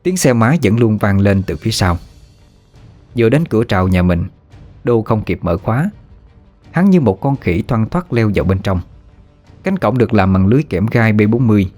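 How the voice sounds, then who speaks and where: A man reading a ghost story aloud in a steady, measured narration, over faint music. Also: fairly low pitch. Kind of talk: scripted horror story narration.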